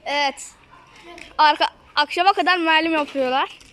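A child with a very high, bright voice calls a football game as a screaming commentator. The calls are drawn out and repeat players' names, over a faintly noisy amateur pitch-side recording. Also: normal speed. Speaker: match commentator. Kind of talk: excited football match commentary, shouted at goals.

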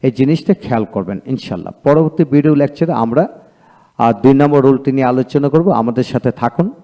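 A man teaching English pronunciation in a recorded lecture, with a dark, mellow voice at an ordinary pitch. He reads word lists with each word said twice. Between the lists he explains the rules slowly and with emphasis. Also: lively intonation. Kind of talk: video lecture.

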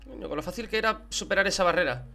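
A young man from Spain with a Spanish accent, giving excitable Let's Play commentary and swearing in surprise as he plays. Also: high-pitched, rapid-fire, vocal fry. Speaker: gaming YouTuber. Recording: game music behind.

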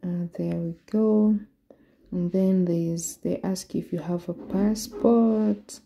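A woman's voice: on the low side, fairly even intonation, gravelly, mellow. A Kenyan woman walking viewers through an online form step by step in a screen-recorded tutorial. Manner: slow, step-by-step explaining. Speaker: vlogger.

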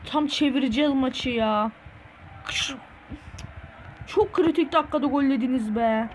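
A woman with a high, bright voice runs live commentary over a football video game. She flares up fast, cursing and shouting at her own team and the referee. A steady hiss of noise sits under the recording. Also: low-quality recording. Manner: hot-tempered, swears and yells at the game. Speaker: gaming channel host.

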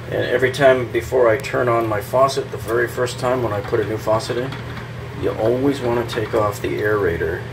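A man with a medium-pitched, fairly even voice talks briskly over a noisy background. He's a DIY remodeling host in a home bathroom, walking through a hands-on repair step by step in a practical way, dropping casual fillers as he goes.

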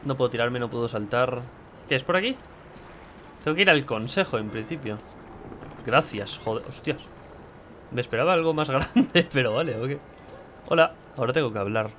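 Young man, joking gameplay commentary, faint background noise, mid pitch. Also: lively intonation, normal speed, long pauses, fairly bright tone. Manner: chatty and joking, swears a lot. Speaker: gameplay streamer.

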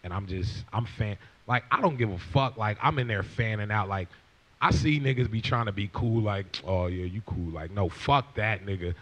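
A young man in his twenties, a guest rapper, speaks with a lowish, fairly bright voice at normal speed. On a stage with a leather couch in front of an audience, he holds a handheld mic and tells a long, profane, rambling story, acting out the lines people said.

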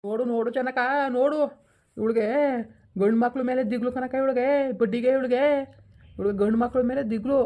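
A woman's voice: fairly high pitch, steady tone, fairly quick, mellow. A woman in a village comedy sketch, voicing the grieving ghost of an old father who complains and wails. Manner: complaining, wailing, grumbling.

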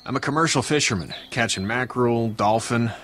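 An actor playing a gruff, blunt, middle-aged fisherman father, in a video game. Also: medium pitch, fairly quick, a bit bright, soft background music, natural voice. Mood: somber. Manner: folksy, blunt talk.

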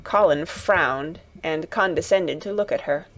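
A woman narrating a classic children's audiobook in a calm, even storytelling voice. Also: sits low, unhurried, low-quality recording.

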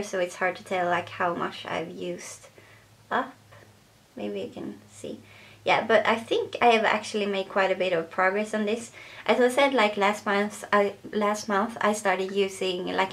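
A woman's voice: mid-range voice, vocal fry. A young woman with a Swedish accent talking casually to camera as a beauty vlogger, hesitant and full of fillers.

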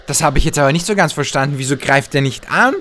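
A young man gives lively, trash-talking commentary over his own gameplay, humming and muttering to himself. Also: on the high side, fast talker, slight background noise. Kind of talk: excited let's-play commentary. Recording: game sound effects and gunfire behind voice.

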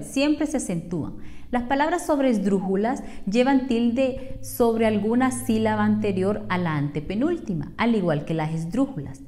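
A woman from Honduras teaching a scripted lesson, speaking slowly and clearly and listing examples one by one. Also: mid-range voice, a little mellow.

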